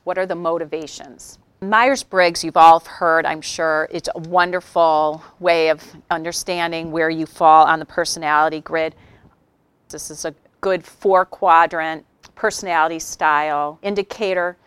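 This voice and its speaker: A woman giving a workshop talk to an audience, telling stories with animated acted-out quotes. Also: lowish voice, clear, resonant tone, dry recording. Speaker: workshop speaker.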